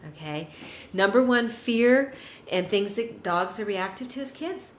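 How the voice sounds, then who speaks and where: A woman's voice: mid-range voice, lively intonation, measured pace. Upbeat woman dog trainer. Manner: upbeat and chatty, acting out pets' thoughts. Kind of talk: instructional talk to dog owners. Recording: roomy echo, faint hiss.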